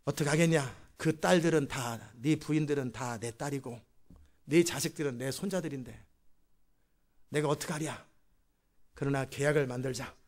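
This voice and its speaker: A male preacher acting out an angry older father-in-law who scolds and then sets stern terms, loud and dramatic. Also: fairly high pitch, lightly acted. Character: angry old father-in-law confronting a runaway.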